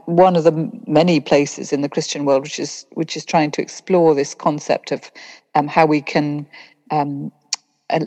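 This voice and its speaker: A woman's voice: low voice, mellow. A woman chatting casually as a podcast co-host on a video call, with long room echo. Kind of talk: casual panel chat.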